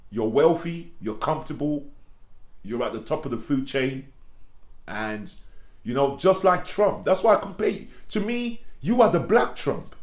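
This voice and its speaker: A man giving impassioned online commentary, speaking directly to the person he criticizes and repeating phrases for emphasis. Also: on the high side. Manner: confrontational, addresses his target directly, repeats phrases. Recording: roomy echo.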